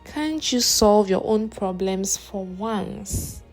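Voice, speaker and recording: A woman's voice: mid-range voice, lively intonation, slow, soft background music. A woman voicing a curt, irritable young man. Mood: irritated. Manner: snappish, curt.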